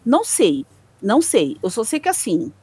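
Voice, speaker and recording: A woman's voice: a little high, very animated, normal speed, a little mellow, breathy edge, no echo. A woman with a Brazilian Portuguese accent hosting a casual podcast chat, talking in an indignant, emphatic way with many restarts.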